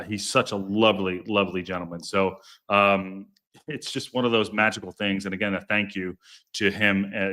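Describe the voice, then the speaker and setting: Chatting and joking with his live audience while going through their comments, the podcast host uses a deep, strong voice with a pushed, bright quality. He often stumbles, interrupts himself, and restarts what he's saying in a rambling way.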